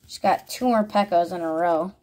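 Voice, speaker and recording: A woman's voice: on the low side, moderate pace, darkish tone. A woman vlogger giving casual unboxing commentary, calling out each card by name in short bursts and thinking aloud between them. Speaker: vlogger opening trading card packs.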